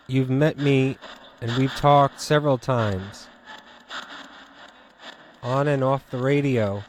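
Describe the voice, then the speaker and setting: A man with a mid-pitched voice is talking to ghosts as the host of a spirit session. He calls on the dead directly, repeatedly asking them to come forward and respond. There is noticeable noise behind his voice. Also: steady tone, slow. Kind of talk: talking to a ghost, calling out to spirits with pleas and questions. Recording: clear background noise with clicks.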